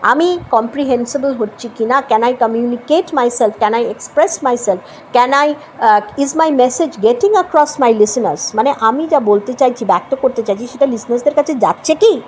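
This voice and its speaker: High-voiced Bengali woman teaching English. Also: expressive, darkish tone, slight background noise, rough recording. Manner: explains step by step, slows down for English examples. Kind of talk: spoken language lesson.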